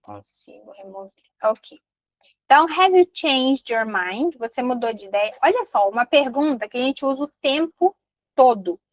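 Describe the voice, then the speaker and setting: Young Brazilian woman, English teacher, online lesson, animated, models pronunciation slowly, dry close sound. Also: high voice, no room sound, poor audio. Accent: Brazilian Portuguese. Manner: lively, explains slowly, models English words carefully.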